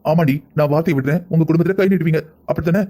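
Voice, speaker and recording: A man voicing family-drama cartoon characters with a quick, scolding delivery. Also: a little high, dark tone. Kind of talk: Tamil cartoon voice acting.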